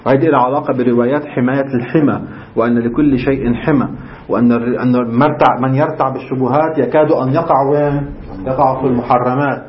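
Man, seminary teacher, brisk, answers his own questions, muffled lo-fi recording. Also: medium pitch, fairly even intonation. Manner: asks rhetorical questions and answers them himself. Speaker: religious teacher. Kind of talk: seminary lecture in colloquial Levantine Arabic.

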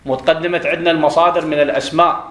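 A man gives a classroom grammar lesson, his voice sitting a little high for a man. He says each word the wrong way, then the right way, and checks with the class as he goes. The room rings with a roomy echo. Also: steady tone, a bit bright. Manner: drills pronunciation, contrasting right and wrong forms; checks understanding with quick questions to students. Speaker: Arabic grammar teacher.

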